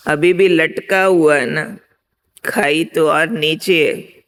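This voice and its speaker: A woman spiritual teacher giving a class, explaining deliberately and telling a parable, checking in with her listeners. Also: deep voice, steady tone. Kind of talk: spiritual discourse with storytelling.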